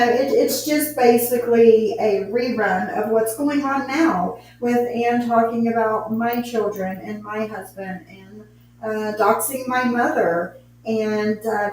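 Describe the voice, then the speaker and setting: A woman's voice: fairly high pitch, a little mellow. A woman casually hosting a live chat from her bathroom, her voice ringing with a cave-like echo and repeating little words like "yes, yes.". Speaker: host of an online audio chat room. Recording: echoey bathroom, far from the mic, faint noise. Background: generator hum.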